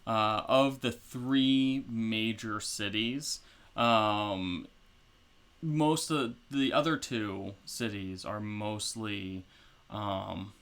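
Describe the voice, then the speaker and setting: Slow, gravelly-voiced man as game master. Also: on the low side, fairly bright tone. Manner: unhurried, filler-heavy, explanatory. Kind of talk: narrating a tabletop game.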